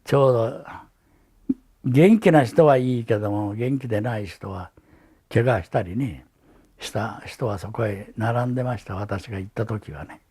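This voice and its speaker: An elderly man with a Hiroshima accent gives oral testimony as a survivor, telling his memories in a halting, reflective way. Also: lowish voice, dark tone, breathy edge. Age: elderly, 80s or older. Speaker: atomic bomb survivor giving testimony. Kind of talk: recorded oral testimony, reminiscing.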